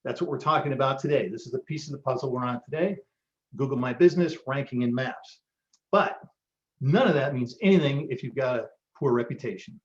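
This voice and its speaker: A man's voice: medium pitch, a little fast. A man hosting a live online marketing workshop, giving a motivational pep talk with frequent ums. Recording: roomy, dull lo-fi sound.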